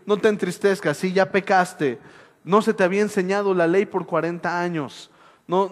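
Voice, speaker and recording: Male preacher, high voice, moves from hushed to shouting, long church-hall reverb. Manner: animated, swings from soft to shouting. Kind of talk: sermon.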